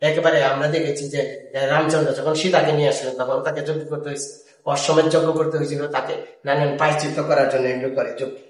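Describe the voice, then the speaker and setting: A high-voiced man gives a lively grammar lesson and chants word lists in a slow rhythm. He is recorded from some distance in a strongly echoing room. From Bangladesh. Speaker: grammar teacher. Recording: echoey room, mic far off.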